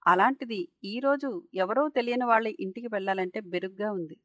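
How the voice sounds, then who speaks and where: A woman's voice: mid-range voice, a little fast, no room sound, lo-fi sound. A woman narrating a story aloud in an earnest, emotive reading.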